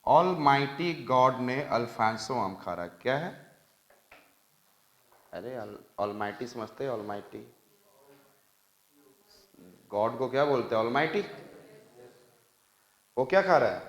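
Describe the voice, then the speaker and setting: A man's voice: mid-range voice, expressive, slow, long pauses, roomy sound, poor audio. A man with an Indian accent teaching an exam coaching class, emphatic and quizzing students to repeat after him. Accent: Indian English. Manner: emphatic, asks class to repeat, mixes English and Hindi.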